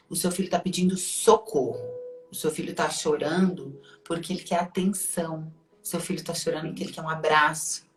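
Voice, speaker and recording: A woman with a Brazilian Portuguese accent, a life coach giving emphatic advice and repeating key points for stress. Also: fairly low pitch. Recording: echoey room with faint music behind.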